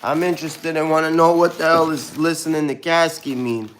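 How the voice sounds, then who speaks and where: Brooklyn-accented man, slightly high voice. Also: steady tone, a little fast, a bit bright, a little hiss or hum. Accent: New York (Brooklyn). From born in Ukraine, raised in Brooklyn, New York. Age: 30s. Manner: loose, rambling, says "bro" constantly. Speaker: livestreamer answering chat. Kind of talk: casual live-stream chat.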